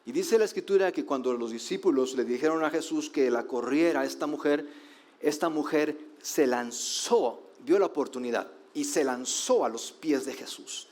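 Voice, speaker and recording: Pastor preaching with rhetorical questions. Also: male voice, on the high side, darkish tone. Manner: rhetorical questions, shifting slow emphasis and quick asides. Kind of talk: sermon.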